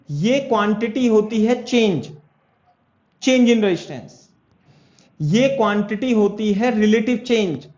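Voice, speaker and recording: This classroom lecture features a male physics teacher whose voice is high-pitched yet darkish in tone. He solves a problem step by step, often pausing to ask if students are keeping up, and the recording is echoey and dull, lo-fi.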